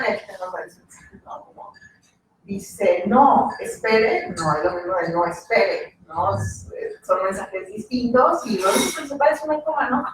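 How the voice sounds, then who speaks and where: Mexican woman speaker in echoey room. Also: medium pitch. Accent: Mexican Spanish. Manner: chatty, frequent tag questions and fillers. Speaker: psychologist guest speaker. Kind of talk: casual talk lecture. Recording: echoey room, distant mic, noisy.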